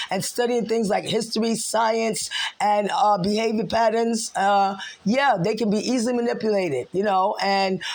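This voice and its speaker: A woman's voice: medium pitch, darkish tone. An American woman venting in a ranting vlog monologue, heated and profane, with many fillers. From United States. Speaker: vlogger.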